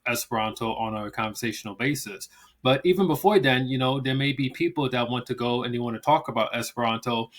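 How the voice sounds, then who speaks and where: A native English-speaking man hosts his own channel, teaching language promotion in a casual talk-to-camera explainer. His voice is mid-range and a bit bright, and he rambles loosely with plenty of fillers and restarts.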